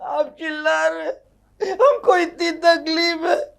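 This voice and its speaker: A man's voice: very high voice, takes it slowly, creaky, pitched above the performer's own voice, heavily acted. A man with a Hyderabadi accent voicing a fussy, ailing middle-aged wife who groans and whines. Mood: whiny complaining. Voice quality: whiny, groaning.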